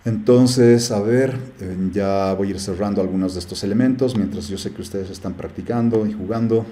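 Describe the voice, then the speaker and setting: Man, low mellow voice, chatty class teacher, echoey room. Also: moderate pace. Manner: chatty, uses many fillers and checks with "¿ya?". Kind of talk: live class screen-share tutorial.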